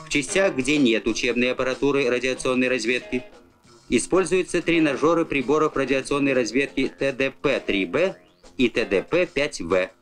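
A man's voice: mid-range voice, normal speed, soft background music. A man reading formal, instructional scripted narration in the manner of a 1980s Soviet military training film. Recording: old film soundtrack.

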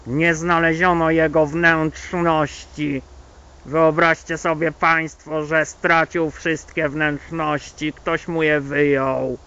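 A man playing a newsreader who announces a grisly death in a measured mock bulletin for a horror film. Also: fairly high pitch, flat delivery, pushed and bright, clean tone, exaggerated voice. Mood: grave announcing. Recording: dull lo-fi sound.

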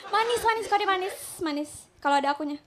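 A woman's voice: very high voice, expressive, a bit bright, a faint crowd. A young woman, an idol trainee, chatting casually and teasing her groupmates on a livestream. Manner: teasing, playful, quick reactions.

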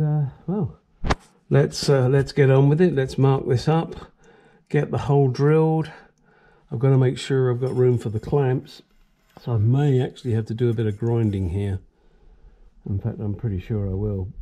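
With a mellow, mid-range voice, a man narrates a casual how-to while lying under a car in his home garage. He walks through every step, throwing in occasional curses and crude jokes, recorded on a small action camera.

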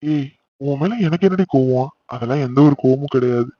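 A man's voice: mid-range voice, fairly quick, dark tone, dry recording, dull audio, close to an everyday voice. A man voicing a teasing young married man who runs an office, bantering and scolding in jest. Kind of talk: cartoon voice acting.

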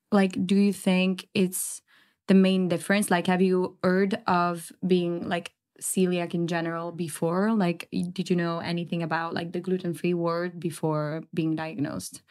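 A woman's voice: on the low side, little pitch movement, a little slow, clear, resonant tone. A young woman with an Italian accent hosting a podcast, asking loose, chatty questions and often restarting them. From Italy. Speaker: podcast host. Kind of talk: casual conversational interview.

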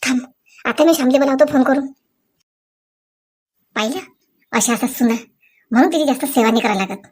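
A bossy, quarrelsome middle-aged mother-in-law, played by a woman, scolds and complains in a Vidarbha Marathi accent. Her voice sits high for a woman. The sketch is a comic family skit. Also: fairly quick, long pauses, a little mellow, slightly rough. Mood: grumbling. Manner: scolding, self-pitying complaints. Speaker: actor in a comedy skit.

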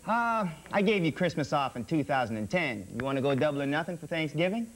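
A man's voice: a little high, animated, quick pace, heavy background noise, close to an everyday voice. An actor playing a cocky young diner worker who teases his friend over a bet, in a sitcom. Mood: teasing. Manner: smug, teasing. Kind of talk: sitcom acting.

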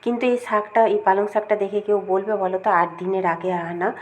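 A middle-aged woman chatting casually to her viewers at home, rambling about her day, with a cold and a slightly hoarse throat. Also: mid-range voice, steady tone, fast talker. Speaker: vlogger. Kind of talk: casual daily-life vlog chat.

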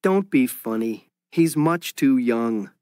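A man's voice: mid-range voice, lively intonation, extremely slow, mellow, no echo, clean studio sound. An actor voicing an insecure jealous young man in a scripted textbook dialogue, sulky and whiny.

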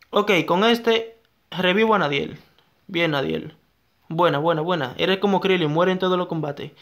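A young man giving excitable live gameplay commentary, talking to himself and his viewers and repeating his phrases. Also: sits high. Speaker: gaming YouTuber.

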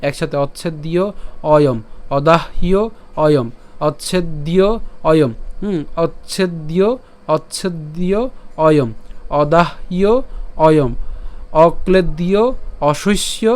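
A man teaching verse pronunciation over slides, patiently repeating each word and syllable slowly and now and then chanting the lines to a melody. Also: on the high side, steady tone. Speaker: scripture recitation teacher. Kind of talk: slide-based pronunciation lesson.

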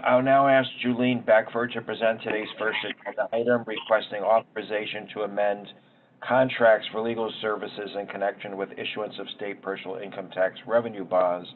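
A man acting as committee chair over a teleconference line, reading formal procedure in a measured way. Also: fairly low pitch. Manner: measured, reads set phrases. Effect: heard over a teleconference line. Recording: tinny phone-line sound, faint noise.

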